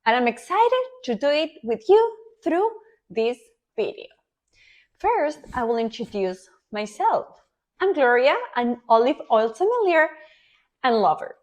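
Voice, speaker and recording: A woman's voice: sits high, big pitch swings, measured pace. A woman from Spain with a Spanish accent, in her thirties, introducing her cooking show as an olive oil sommelier in an enthusiastic, emphatic way. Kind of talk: scripted introduction to camera.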